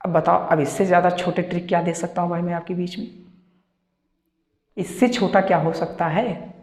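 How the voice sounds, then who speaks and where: A man's voice: high voice, little pitch movement, normal speed. A man teaching spoken English, repeating phrases and acting out everyday scenes to explain them. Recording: echoey room with long reverb.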